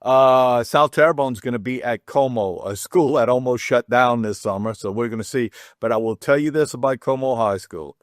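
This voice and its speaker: A middle-aged man hosting a casual high school sports talk show, rambling and chatty, with frequent restarts and self-deprecating jokes. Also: normal speed, hardly any pauses, dry recording, clean studio sound.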